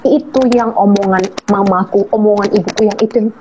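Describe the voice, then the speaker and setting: A woman telling a heartfelt personal story as an interview guest, earnest and slowing on key words. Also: medium pitch, fairly even intonation, darkish tone. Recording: muffled lo-fi audio with faint hiss.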